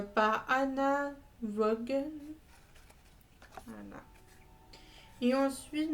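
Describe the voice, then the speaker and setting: Woman chatting about her puzzles, slow and hesitant, lots of ums, mellow voice. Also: medium pitch, low-quality recording. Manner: hesitant, many filler sounds and restarts. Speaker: puzzle vlogger. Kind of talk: casual vlog commentary.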